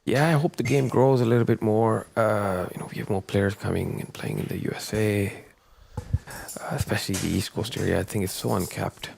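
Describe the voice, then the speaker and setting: A man's voice: on the low side, steady tone, fairly quick, gravelly, a little hiss or hum. A man giving casual, hesitant snooker commentary with many fillers, also chatting about running events. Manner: hesitant, filler-heavy, soft-spoken. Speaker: guest commentator.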